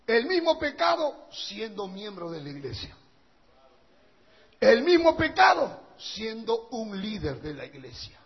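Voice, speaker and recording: Raspy high-voiced male pastor preaching. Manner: impassioned preaching, swings from quiet to shouting. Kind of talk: sermon. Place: church hall. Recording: dull lo-fi church recording with long reverb.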